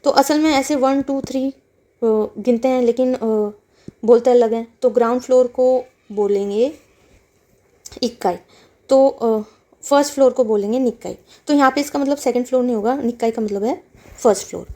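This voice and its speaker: A woman teaching Japanese vocabulary step by step, reading each word and then explaining its meaning. Her voice sits a little high but has a mellow, soft tone. She talks patiently and repeats words to make them clear. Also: normal speed. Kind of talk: explaining a textbook lesson.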